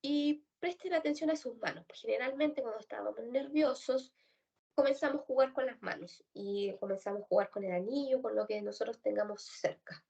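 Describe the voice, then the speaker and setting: A woman's voice: on the high side, normal speed, gravelly, mellow, distant mic, lo-fi sound. A woman with a Chilean accent teaching a workshop on job interviews, explaining points and asking and answering her own questions. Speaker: career workshop instructor. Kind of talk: instructional talk.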